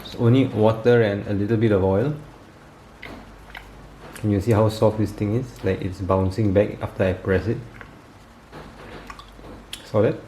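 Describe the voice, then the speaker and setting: A man casually demonstrating and reviewing a bread maker in his home kitchen, relaxed and chatty with lots of fillers. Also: lowish voice, a little slow, long pauses. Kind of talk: casual demo vlog. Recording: echoey kitchen with faint background noise.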